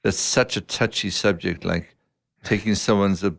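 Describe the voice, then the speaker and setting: A middle-aged man sits in for a casual podcast chat as the guest. His voice is low and gravelly, recorded close and dry. He tells stories at an easy pace and likes to poke fun at himself. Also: normal speed, no room sound. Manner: relaxed anecdotal storyteller, self-mocking, laughs often. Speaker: guest, eye surgeon. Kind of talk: casual podcast interview storytelling.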